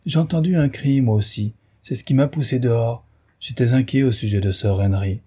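A man reading a wary, overly polite naturalist, dark and husky. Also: mid-range voice, normal speed, natural voice. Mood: anxious. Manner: probing, overly polite questions. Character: smooth, wary male naturalist hiding alarm. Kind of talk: audiobook reading.

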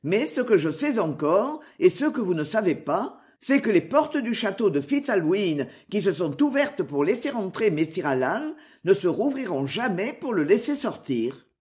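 A woman's voice: medium pitch, big pitch swings, moderate pace, hardly any pauses, a little mellow, lightly acted. A woman reading aloud voices a fierce, mocking male outlaw who boasts and threatens. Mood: boastful.

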